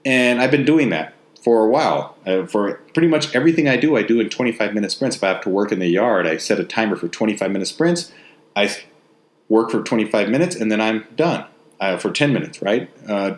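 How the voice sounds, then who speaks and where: A man speaks in a fairly low voice with a West Texas twang. His delivery is casual and rambling, like someone chatting through anecdotes with a self-deprecating touch. The room adds a clear echo around his words. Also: expressive, fairly quick. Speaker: novelist and host. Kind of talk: casual, rambling spoken monologue. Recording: roomy, echoey sound.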